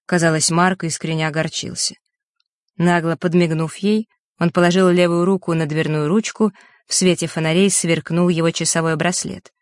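Audiobook narrator, mid pitch, measured and steady, dry close sound. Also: dry recording. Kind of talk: scripted narration.

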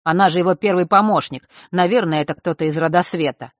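A man voicing a sharp-tongued, touchy teenage boy in an audiobook, with a sarcastic, scornful way of speaking. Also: high voice, fast talker, no room sound, studio quality, close to an everyday voice.

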